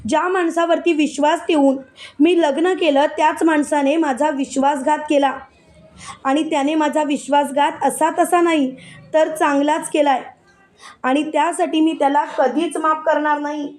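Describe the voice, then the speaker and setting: Brief: high-voiced, loud, indignant young wife, read by a woman narrator, a betrayed wife in a story recap. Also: fairly even intonation, normal speed, lightly acted. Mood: furious. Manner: loud, indignant, repeating herself.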